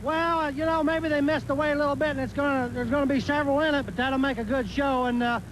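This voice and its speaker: A man's voice: extremely high pitch, fairly even intonation, fast talker, fairly bright tone. A man, a veteran tractor puller, answering casually in a trackside interview. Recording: noisy arena around the voice.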